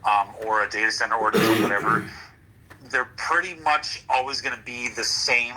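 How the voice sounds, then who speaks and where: A man's voice: medium pitch, fairly even intonation, fairly quick, bright, forceful tone, rough recording. A man in his thirties from North Dakota, heard over a speakerphone in a meeting room, giving a plain, matter-of-fact planning update. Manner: plain, matter-of-fact, working through points. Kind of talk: businesslike update at a public meeting.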